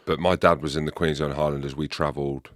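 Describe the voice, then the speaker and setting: A middle-aged man with an English accent, hosting a casual podcast chat and leading the questions in an animated, chatty way. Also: rumbling low, quick pace, no echo, clean studio sound. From England. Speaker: podcast host.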